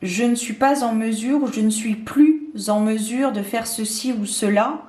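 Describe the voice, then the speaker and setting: Woman tarot reader, slightly high voice, hesitant and full of fillers, roomy echo. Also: unhurried, mellow. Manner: hesitant, many fillers and restarts. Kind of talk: casual tarot reading to camera. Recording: echoey room.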